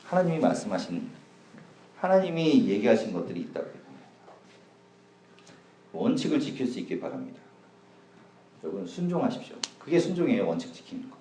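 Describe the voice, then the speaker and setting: A man's voice: mid-range voice, very animated, a little fast, long pauses, recorded from a distance, slight background noise. Man preaching casually in an echoey church hall. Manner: chatty, jokes with the audience, swings loud and soft. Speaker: youth pastor. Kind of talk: casual youth sermon.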